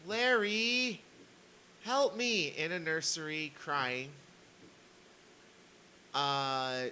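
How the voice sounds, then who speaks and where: A man's voice: mid-range voice, sharp tone, slight background noise, rough recording. A man streaming a ranting commentary, reading posts aloud in a sarcastic, mocking way.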